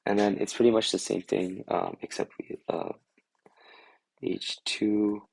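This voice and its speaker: A young man, hoarse after losing his voice, giving a casual chemistry review and rambling with lots of "like" and "um" as he thinks aloud. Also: fairly low pitch, little pitch movement, unhurried, darkish tone, poor audio. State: hoarse from a lost voice. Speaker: student tutor. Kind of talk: casual chemistry review over a drawing screen.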